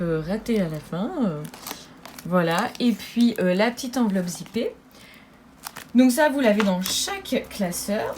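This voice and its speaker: A woman budgeting vlogger chatting casually to her viewers, bubbly and talkative, often laughing and filling pauses. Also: medium pitch, darkish tone, slight background noise.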